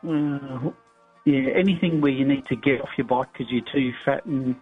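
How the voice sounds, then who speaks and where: A man calling in to a show over a phone line, asking questions in a halting way with fillers. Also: mid-range voice, faint music behind. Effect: heard over a phone line. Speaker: caller.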